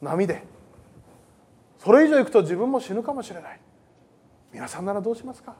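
Very high-pitched man preaching a sermon. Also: fairly quick, breathy edge. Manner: lively, joking, digressive preaching to a congregation. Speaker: pastor. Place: church service with a congregation.

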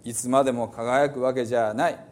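In a brisk, natural mid-range voice with a steady tone, a man declaims scripture in an old Hiroshima dialect. He's in character as a stern old male psalmist preaching mortality, emphatic and solemnly warning.

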